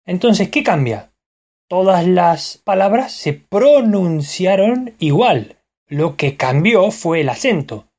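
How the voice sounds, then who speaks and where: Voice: mid-range voice, sing-song, takes it slowly, a little mellow. A speaker with an Argentine accent, explaining things casually to viewers and calling them friends. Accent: Argentine Spanish. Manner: explanatory, addresses listeners as friends. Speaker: vlogger musing on language. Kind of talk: casual spoken reflection.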